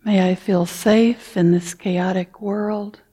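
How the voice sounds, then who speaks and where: A woman guiding a meditation in a soft, unhurried voice, leaving long pauses and sometimes easing into a whisper. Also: medium pitch, fairly even intonation, slightly rough. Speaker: meditation teacher. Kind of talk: guided meditation.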